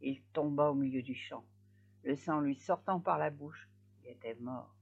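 A woman reading a fairy tale aloud in an expressive way, slowing down for effect. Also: low-pitched, slightly rough. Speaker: storyteller. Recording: slightly dull lo-fi recording.

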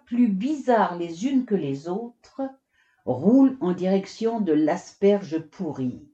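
A woman presenting and reading from a picture book in a slow lively manner, on a dull lo-fi recording. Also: medium pitch. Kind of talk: storybook reading and review.

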